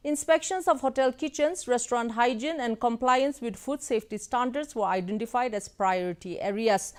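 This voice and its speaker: A woman reading scripted news as an anchor in a formal manner. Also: fairly high pitch.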